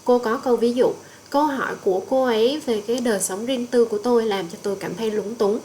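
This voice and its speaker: A woman with a Vietnamese accent teaches English vocabulary in a recorded lesson voice-over. Her voice sits a little high, and she moves between accented English definitions and Vietnamese explanations. A faint hiss runs under the recording. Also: fast, mellow, poor audio. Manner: explains each word in English, then again in Vietnamese.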